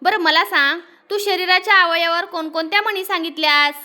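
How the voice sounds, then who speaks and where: A woman's voice: extremely high pitch, a little fast, sharp tone, exaggerated voice. A woman teacher reading out the lines of an affectionate old grandmother who chides her grandson in a storybook lesson. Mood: fond, teasing. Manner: chiding, affectionate questions. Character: old grandmother, fond and teasing. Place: classroom.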